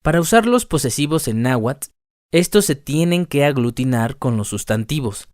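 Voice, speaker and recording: A man narrating a scripted language lesson, reading word lists slowly and deliberately. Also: mid-range voice, lively intonation, a little mellow, dry recording, studio quality. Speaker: language teacher.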